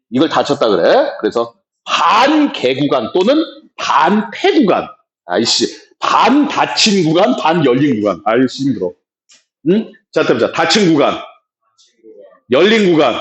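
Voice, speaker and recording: A man's voice: fairly high pitch, lo-fi sound. A man teaching a math class in a lecture style, brusque and joking, often checking that students follow along. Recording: echoey room.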